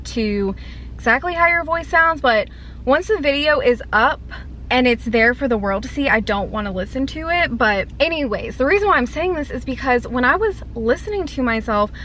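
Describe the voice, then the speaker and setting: Expressive and a bit bright, her high-pitched voice moves at normal speed as this young North Carolina food vlogger rambles with a light Southern accent. She's filming in her car on a dashboard camera, filling her talk with "like," and a faint hiss or hum runs underneath.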